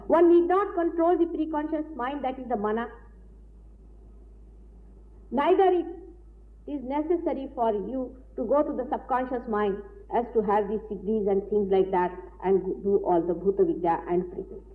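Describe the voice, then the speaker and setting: Woman lecturing on an old tape recording. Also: on the high side. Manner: deliberate, explanatory, with frequent pauses. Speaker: spiritual teacher. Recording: tinny old lecture tape with faint hiss.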